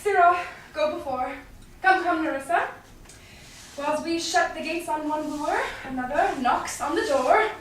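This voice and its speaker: High-voiced witty Portia, played by a woman, in echo. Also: a little slow. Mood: wry. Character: witty young Venetian heiress, wry and sharp-tongued. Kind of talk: staged reading of Shakespearean comedy. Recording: distant echoey room with faint noise.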